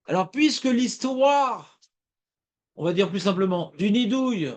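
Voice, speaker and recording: High-voiced man teaching a Talmud class. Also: measured pace. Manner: lively, asks students questions, playful rhymes.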